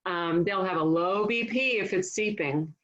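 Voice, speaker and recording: A woman's voice: on the low side, normal speed, a bit bright, lo-fi sound. A woman nursing instructor giving a casual, conversational classroom lecture, explaining with everyday analogies and stories.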